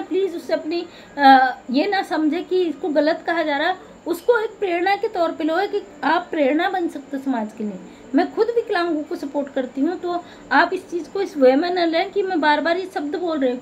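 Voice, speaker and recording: A middle-aged woman speaks in a very high voice, lecturing and pleading with her viewers in a preachy, scolding way. Faint noise hums behind her. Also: a little mellow. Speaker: social media vlogger. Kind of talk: earnest direct-to-camera appeal.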